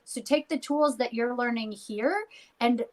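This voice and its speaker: A woman's voice: a little high, measured pace, darkish tone, poor audio. A chatty American woman co-hosting a casual video call chat about local marketing. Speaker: co-host of a realtor marketing group.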